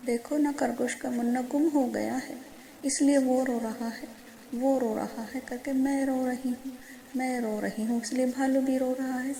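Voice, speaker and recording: A woman doing a shrill, chattering little bird. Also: fairly even intonation, unhurried, a little hiss or hum. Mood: anxious. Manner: high, loud, breathless retelling.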